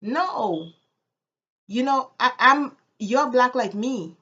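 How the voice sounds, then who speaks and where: A woman's voice: on the high side, expressive, takes it slowly, bright, forceful tone, slightly rough, muffled recording. A woman from the Virgin Islands with a Caribbean accent, talking casually and with strong opinions in an emphatic way, repeating phrases for stress. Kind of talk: casual opinionated personal talk to camera.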